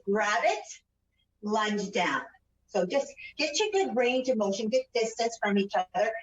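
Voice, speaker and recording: A woman leading a home workout as a fitness instructor, counting out repetitions and giving short, encouraging, energetic cues. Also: mid-range voice. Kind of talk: exercise class instruction with counting aloud. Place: indoors at home, room with a couch. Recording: roomy, distant, dull home-video sound.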